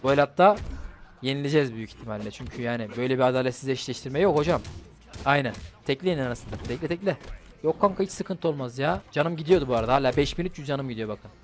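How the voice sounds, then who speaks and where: A man's voice: medium pitch, fast. A man giving casual running commentary while playing a mobile fighting game, talking to himself, swearing and venting about the matchups. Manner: talks to himself and the game, swears, frustrated outbursts. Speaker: gaming YouTuber.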